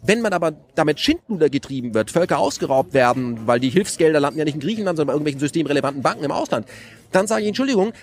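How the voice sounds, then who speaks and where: Man, fairly high voice, animated interview talk full of rhetorical questions. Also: rapid-fire. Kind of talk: casual conversation.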